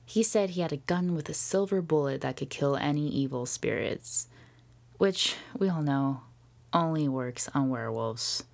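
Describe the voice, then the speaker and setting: A woman hosting a podcast, telling a history story in a casual, jokey way with swearing and quick whispered asides. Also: low-pitched, creaky, darkish tone. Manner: chatty with frequent fillers and whispered asides. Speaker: podcast host.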